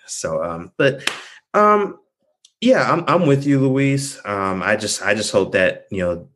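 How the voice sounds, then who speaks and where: A man's voice: takes it slowly, a little hiss or hum. A man co-hosting a casual podcast, ranting animatedly and often asking whether the others follow him. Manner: animated, swinging from low to high. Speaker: podcast co-host.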